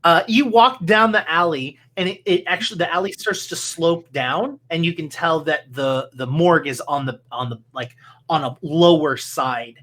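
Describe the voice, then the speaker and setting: A man improvising tabletop game narration as game master, halting as he searches for words. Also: on the high side, fairly bright tone.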